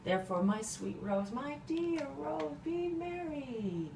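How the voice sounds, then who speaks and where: A woman's voice: high voice, big pitch swings, slow, vocal fry, darkish tone, heavily acted. A woman acting in a classical stage comedy as a spirited, playful, mocking young noblewoman, recorded in a theatre. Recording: roomy, distant, faintly noisy stage recording.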